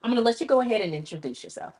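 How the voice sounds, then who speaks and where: Lively woman hosting an interview. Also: on the high side. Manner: lively, curious questioning with quick affirmations. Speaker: host. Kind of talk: casual interview.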